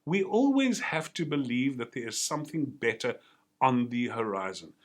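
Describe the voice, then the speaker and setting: A man's voice: mid-range voice, big pitch swings, moderate pace. A man giving an earnest, encouraging motivational talk to teachers and telling stories along the way. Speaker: motivational speaker.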